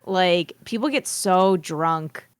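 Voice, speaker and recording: A woman with a slightly low voice chats casually as a guest on a stream. She rambles informally from point to point, in a very dry, close sound. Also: expressive, slow pace, clear, resonant tone, dry recording. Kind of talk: casual chat.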